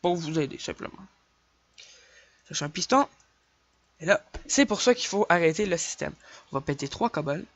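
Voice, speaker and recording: A young man with a Québécois French accent, chatting casually through a game tutorial, counting his clicks aloud and apologizing quickly for slips. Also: fairly high pitch, lively intonation. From Quebec. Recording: dull lo-fi dry home mic.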